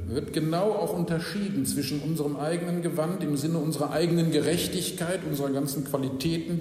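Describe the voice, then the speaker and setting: A man preaching a sermon as pastor, earnest, with rhetorical questions, moving between hushed and emphatic delivery. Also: on the high side. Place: church. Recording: echoey church hall with long reverb.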